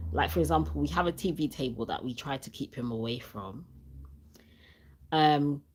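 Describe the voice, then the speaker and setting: A young woman hosting a casual livestream, chatty and laughing often, reading viewer comments aloud, with a cough sweet in her mouth and a sore throat. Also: very deep voice. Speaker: channel host.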